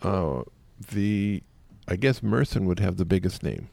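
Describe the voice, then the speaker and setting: A man's voice: deep voice, animated, measured pace, creaky, darkish tone, dry recording. A man hosting a radio talk show in a studio, rambling a little with fillers. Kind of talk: casual radio chat.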